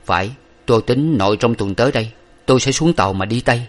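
A man's voice: medium pitch, fast, natural voice. A man voicing an earnest young man who reassures his beloved, in an audiobook of an old novel. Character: earnest young man, lover bound for study abroad.

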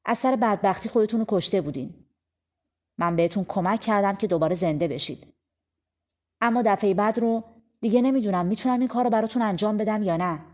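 A bold and clever storybook prince who gives orders in a firm, unhurried voice, voiced by a woman narrator. He sounds stern toward the devil and earnest when advising others. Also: mid-range voice, darkish tone, natural voice. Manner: commanding, deliberate.

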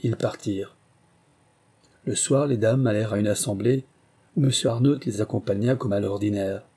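Man with a dark husky reading voice. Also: lowish voice, normal speed. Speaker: audiobook reader. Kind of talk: scripted narration of a classic novel.

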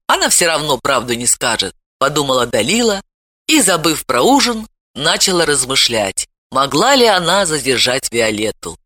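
A woman narrating a novel with an expressive reading voice that rises and falls a great deal. Her tone is bright, and the recording is dry and close. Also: low voice, no room sound. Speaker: audiobook narrator. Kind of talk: scripted audiobook narration.

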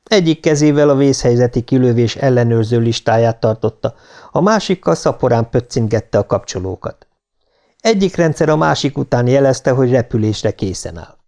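A man narrating an audiobook in an even, measured storytelling manner. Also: mid-range voice.

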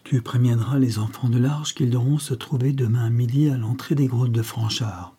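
A man's voice: mid-range voice, steady tone, normal speed, dark tone, slightly rough. A man reading the part of a scheming older male gang chief who gives menacing commands.

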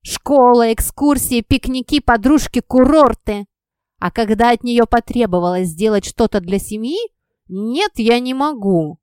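A woman voicing a stern, angry aristocratic father who barks harshly in a lowered voice. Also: normal speed, dark tone, clear, resonant tone, dry recording, clean studio sound, lightly acted. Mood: furious.

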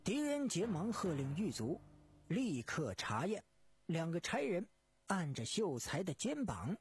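A storyteller narrating a dramatic tale in an expressive, measured way. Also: mid-range voice, slight background noise.

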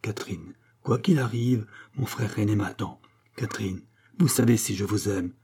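A man's voice: fairly low pitch, moderate pace, warm tone, breathy edge. A man reading a grave young nobleman. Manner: earnest, solemn. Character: young nobleman, grave, torn between love and duty.

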